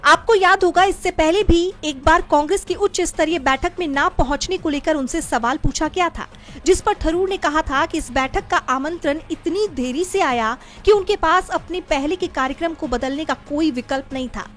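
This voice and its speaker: A woman's voice: high-pitched, normal speed, a bit bright. A woman reading a scripted news report as a voice-over. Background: music bed.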